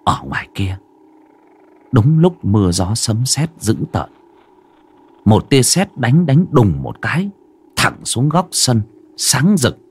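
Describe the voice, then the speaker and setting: A man narrating a horror story with dramatic, suspenseful pacing and sharp rises and drops. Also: medium pitch, big pitch swings, slow, pauses often, husky.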